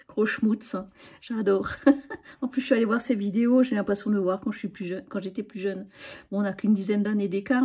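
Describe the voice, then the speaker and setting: A woman's voice: medium pitch, warm tone, breathy edge. A middle-aged woman from Alsace, chatting casually and rambling with frequent hesitations in a craft vlog. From Alsace, France. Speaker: craft vlogger. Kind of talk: casual spring tag chat.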